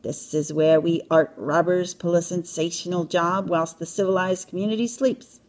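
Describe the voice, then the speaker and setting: A woman reader voicing a gruff grown male thief, low, quiet and husky. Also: steady tone, normal speed, natural voice. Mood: scheming. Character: gruff grown man, sneak thief ringleader.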